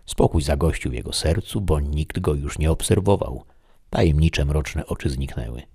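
Very deep husky male storyteller. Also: moderate pace, dry recording, clean studio sound. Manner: steady, dramatic reading. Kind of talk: scripted horror story narration.

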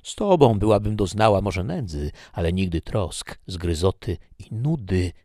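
A man's voice: low-pitched, animated, a little slow, warm tone, no room sound, clean studio sound, full character voice. A man voicing a capricious, passionate young woman who speaks vehemently and theatrically. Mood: bitter, vehement.

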